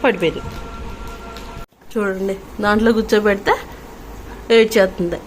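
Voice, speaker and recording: A woman's voice: mid-range voice, fairly even intonation, moderate pace, soft background music, low-quality recording. A woman vlogging at home, coaxing a baby in a sing-song way and narrating to her viewers. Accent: Telugu. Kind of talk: casual home vlog narration.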